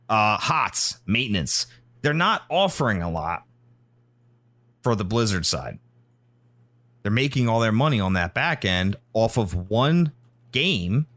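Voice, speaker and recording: A man's voice: fairly low pitch, a bit bright, no echo. A man co-hosting a casual gaming podcast, ranting indignantly and swearing freely. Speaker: podcast co-host. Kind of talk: casual chat.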